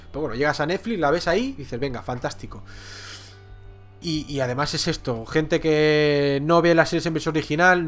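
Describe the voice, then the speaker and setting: A man talks casually as a podcast co-host, his voice sitting a little high. He piles up words like "very, very, very" in his eagerness and restarts often. Soft music plays faintly underneath. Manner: enthusiastic, repeats words for emphasis, many restarts. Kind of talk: casual chat reviewing series.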